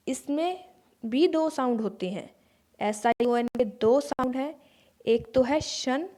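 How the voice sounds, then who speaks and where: Woman teacher, slow patient explaining, slightly high voice, repeats words. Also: darkish tone. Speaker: English pronunciation teacher. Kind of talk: explaining to students.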